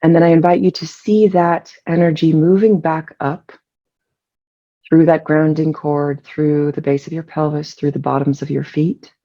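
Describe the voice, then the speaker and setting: The guided meditation is delivered in a relaxed, medium-pitched voice that is gravelly with fry, moving slowly and soothingly with long pauses. The recording has a dull quality.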